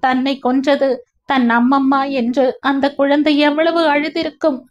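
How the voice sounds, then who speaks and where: A woman's voice: high voice, little pitch movement, a little slow, voice pushed up. A woman voicing a young pregnant woman, grief-stricken and furious, speaking in a distraught, accusing way. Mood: anguished fury. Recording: dull lo-fi recording.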